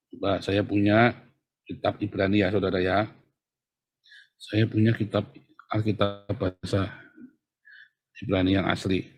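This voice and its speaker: A man's voice: on the low side, no echo. Emphatic preacher man, dry sound. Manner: emphatic, rhetorical questions to listeners. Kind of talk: teaching sermon.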